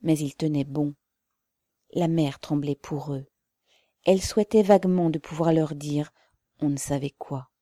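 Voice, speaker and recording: A woman narrating a novel aloud in a measured, solemn reading. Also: sits low, warm tone, no room sound, clean studio sound. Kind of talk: audiobook narration.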